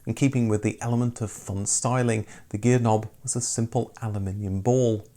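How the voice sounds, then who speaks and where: A man's voice: fairly low pitch, fairly even intonation, moderate pace, warm tone, a little hiss or hum. A man presenting a scripted documentary as its narrator.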